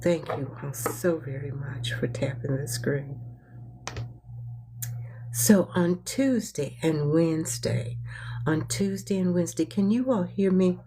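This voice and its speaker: Low-voiced, congested woman hosting a livestream. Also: takes it slowly, warm tone, a little hiss or hum. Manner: repeats phrases, coaxing the audience. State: congested, stuffy nose. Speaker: livestream host. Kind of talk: live-streamed motivational talk.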